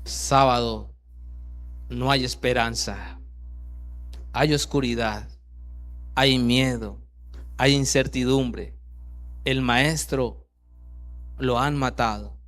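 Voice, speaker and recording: A man preaching a sermon, reading scripture aloud and breaking in with rhetorical questions, swinging from loud bursts down to very soft lines. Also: mid-range voice, fairly even intonation, slow pace, pauses often, faint music behind. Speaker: pastor.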